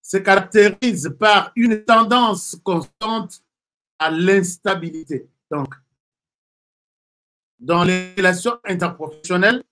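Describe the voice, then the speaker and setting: A man with a Congolese accent giving casual political commentary, pausing often with fillers and restarting his sentences. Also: high-pitched, a bit bright. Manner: hesitant, many fillers and restarts.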